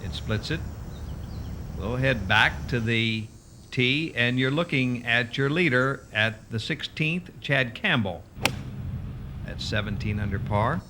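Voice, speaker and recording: A man's voice: mid-range voice, lively intonation, slow, background noise. A man working as a golf commentator, giving conversational, chatty analysis of play with some hesitation.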